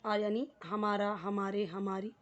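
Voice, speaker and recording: A woman's voice: medium pitch, flat delivery, lo-fi sound. A woman from India with an Indian English accent, teaching an English lesson in a mix of Hindi and English, explaining patiently and often checking that students follow. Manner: explains slowly, often asks "ठीक है?" to check understanding; mixes Hindi and English in one sentence.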